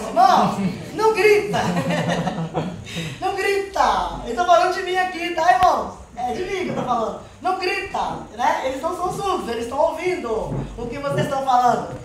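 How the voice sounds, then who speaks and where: A woman's voice: high-pitched, slight background noise. A woman giving a spoken testimony to a church congregation, earnest and often calling out to the Lord and the brethren. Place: church hall. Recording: very echoey church hall, mic far off.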